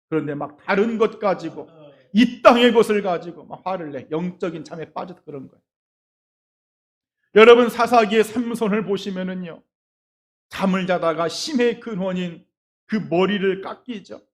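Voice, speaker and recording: A male pastor delivers a dramatic sermon in a notably high voice. He talks straight to his congregation and tells homely stories. His delivery swings from loud, fervent cries down to quiet, almost muttered asides. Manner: folksy storytelling, addresses the congregation directly.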